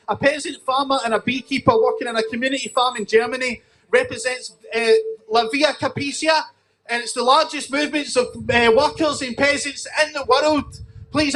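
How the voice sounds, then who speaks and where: A man works as a stage host, calling out greetings and introductions. His voice is loudly projected and pitched very high. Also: low-quality recording. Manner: loud, projected. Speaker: rally host. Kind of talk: hyping up a crowd, stage introductions.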